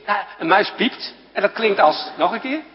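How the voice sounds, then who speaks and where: A man's voice: high voice, animated, moderate pace. A man leading a children's moment in a church service, playfully asking questions and often laughing. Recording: echoey hall, dull lo-fi sound.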